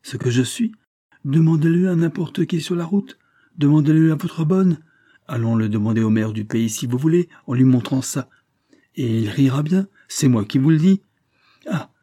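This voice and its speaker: A man's voice: fairly high pitch, moderate pace, dark tone, dry recording, studio quality, pitched above the performer's own voice, natural voice. A man reading a story, voicing a coarse, menacing young vagabond who taunts and sneers. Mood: taunting. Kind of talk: audiobook character reading.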